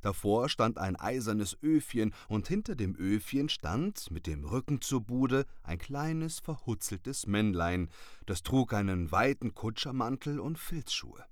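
A man reads a children's story aloud in a calm, measured way. He takes his time with each sentence, and the recording is close and dry with no room sound. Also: on the low side, no echo.

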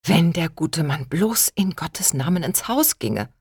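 A woman's voice: low voice, sing-song, measured pace, a little mellow, breathy edge, no echo, studio quality, pitched above the performer's own voice, exaggerated voice. A woman voicing an exasperated mother who mutters and can barely hold back laughter, in a storybook reading.

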